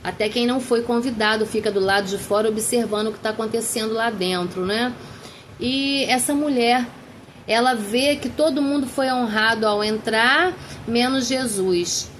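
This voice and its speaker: A fairly high-voiced woman teaches a theology class. She talks earnestly and draws out the words she wants to stress. A faint background hum sits under her voice. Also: a bit bright, low-quality recording. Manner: earnest, slows down to dwell on key words. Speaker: Bible teacher. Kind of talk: theology lecture.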